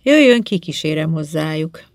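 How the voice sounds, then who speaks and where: A woman reading the lines of a sympathetic, sad woman doctor, speaking quietly and kindly. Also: sits low, lively intonation, no echo, studio quality. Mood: gently concerned. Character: kind, sad woman doctor, middle-aged.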